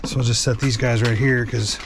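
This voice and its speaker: A vlogger and truck driver gives a brisk, casual how-to, narrating the job while he does it. His mid-range voice has fairly even intonation, and background noise from the work is present.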